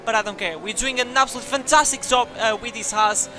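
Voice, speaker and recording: A young man commentating his own racing game career with energetic, jokey delivery that bursts into shouts at crashes. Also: very high-pitched, brisk. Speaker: gaming YouTuber.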